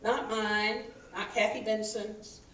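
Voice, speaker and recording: A woman in her fifties, a minister giving a sermon, animated and calling for responses from the congregation. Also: mid-range voice, takes it slowly. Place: church sanctuary. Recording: echoey hall, mic from far off, faint noise.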